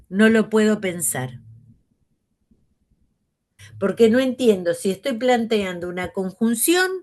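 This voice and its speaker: A woman teacher with a Rioplatense Spanish accent, lecturing a class and leaning on pauses and stress to explain. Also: medium pitch.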